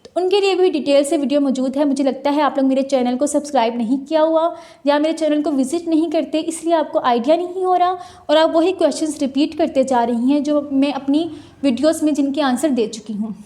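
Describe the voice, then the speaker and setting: A young woman, speaking in a noticeably high voice. She works through viewer questions in a chatty, practical way, like a student sharing tips. The sound comes from a mobile phone's mic. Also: fairly quick, warm tone. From Pakistan. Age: 20s. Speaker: student vlogger. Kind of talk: casual Q&A vlog.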